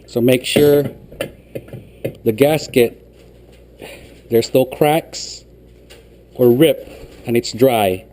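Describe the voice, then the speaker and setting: Guy doing a cooking demo at home, slow and mellow, keeps saying okay. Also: medium pitch, slight background noise. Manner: patient, repeats "okay" often. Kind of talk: step-by-step cooking demonstration. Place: home kitchen.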